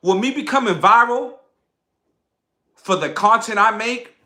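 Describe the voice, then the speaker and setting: Sitting high in pitch with a sharp tone, a man speaks at a measured pace in an impassioned, boastful livestream monologue. As a social media content creator, he is emphatic and repeats phrases for effect.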